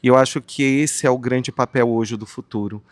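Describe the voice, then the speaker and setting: A Brazilian man speaking as a guest psychologist on a podcast, talking in a warm, rambling way with frequent tag questions. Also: medium pitch, steady tone, moderate pace, no echo. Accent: Brazilian Portuguese. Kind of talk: casual podcast conversation.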